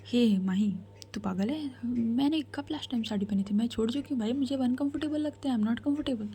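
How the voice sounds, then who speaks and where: A woman's voice: on the high side, brisk, mellow, close to an everyday voice. Anya, a stubborn teasing young woman, whispered role-play, voiced by a woman. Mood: protesting. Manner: protesting, playful.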